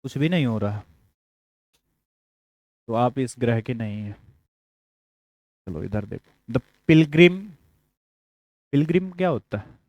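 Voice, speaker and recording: A man's voice: mid-range voice, expressive, slow pace, long pauses, darkish tone, dry recording. A man with a Hindi accent teaching English grammar for exams, explaining step by step, asking the class questions and dropping small jokes. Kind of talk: exam-prep grammar lesson.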